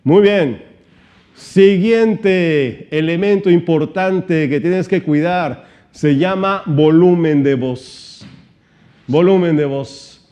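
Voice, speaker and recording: A slow-speaking motivational trainer from Mexico delivers a lively, seminar-style teaching talk. He varies his pitch and volume and poses many rhetorical questions.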